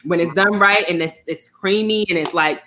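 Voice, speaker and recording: Woman co-host, low and bright voice, casual food chat. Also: moderate pace, a little hiss or hum. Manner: relaxed, chatty, talks with her mouth full.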